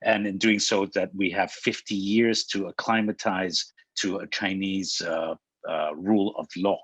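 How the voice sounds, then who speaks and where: A man from Hong Kong presents on a webinar over a video call. His low, husky voice halts often and circles back to repeat words. The sound is dry and close. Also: steady tone, a bit bright, no echo. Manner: halting, restarts and repeats words. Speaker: panelist presenter.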